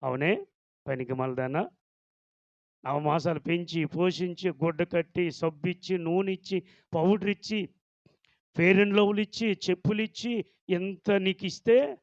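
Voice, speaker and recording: A man's voice: high voice, fairly even intonation, measured pace, pauses often, dry recording, muffled recording. A man voicing an indignant father scolding his daughter.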